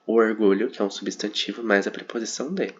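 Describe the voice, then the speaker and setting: A man's voice: fairly low pitch, quick pace. A young man, a student, presents his coursework informally, hesitating often and correcting himself as he goes. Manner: hesitant, frequent fillers and self-corrections. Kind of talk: informal presentation of a concept map. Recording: dull lo-fi recording.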